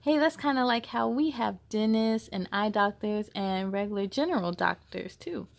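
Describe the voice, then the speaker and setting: With a gravelly, mid-range voice at a moderate pace, a woman hosts story time by reading a picture book aloud to kids. She reads expressively, tossing questions and exclamations to the young listeners.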